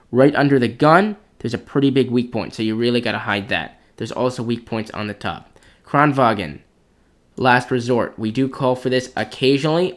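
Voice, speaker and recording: A man giving blunt, opinionated commentary as he ranks tanks for competitive play, thinking aloud as he goes. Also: medium pitch. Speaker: clan commander ranking tanks. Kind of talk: casual gaming commentary.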